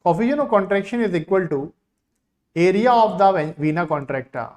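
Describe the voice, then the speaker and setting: Indian-accented man teaching with an insistent sales pitch. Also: animated, a little fast, a little mellow. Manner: insistent sales pitch, repeating key phrases. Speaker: online engineering teacher. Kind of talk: live online class with a sales pitch for courses.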